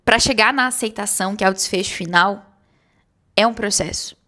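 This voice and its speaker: A woman's voice: medium pitch, a little fast, pushed and bright. A woman speaking earnestly and reassuringly to her viewers in a heartfelt vlog. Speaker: vlogger. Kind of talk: heartfelt talk to camera.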